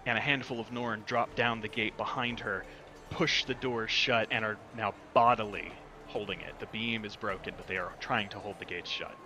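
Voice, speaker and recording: A man's voice: on the low side, moderate pace, slight background noise. A man narrating a tabletop game as game master, describing the action vividly. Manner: vivid, energetic scene description. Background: music.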